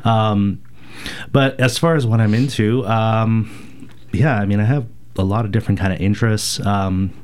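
On a radio program, a guest who serves as president of a radio station's board, a man from rural Alberta, Canada, talks while recovering from a cold. His low, smooth voice holds a steady tone, and he answers slowly and thoughtfully, hesitating often with plenty of ums and uhs.

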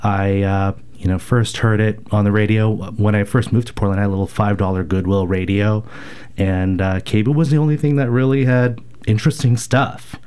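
A man's voice: lowish voice, steady tone, moderate pace, a little mellow, clear, resonant tone. A man from rural Alberta in Canada, getting over a cold, giving thoughtful, hesitant answers full of fillers as a guest on a community radio show. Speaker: radio station board president, guest. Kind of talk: casual radio interview answers.

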